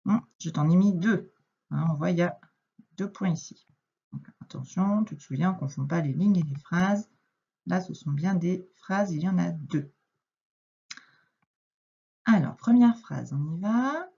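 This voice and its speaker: Slow, patient woman teacher, muffled recording. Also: lowish voice, expressive, mellow. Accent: French. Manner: slow, clear, patient explaining with stretched words. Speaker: primary school teacher. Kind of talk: reading lesson for young children. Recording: dull, lo-fi home recording.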